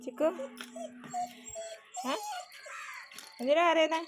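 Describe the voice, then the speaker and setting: A woman's voice: high-pitched, fairly even intonation, slow, over music. A woman soothing and coaxing her crying pet dog in a home vlog. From Kerala, India. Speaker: pet vlogger.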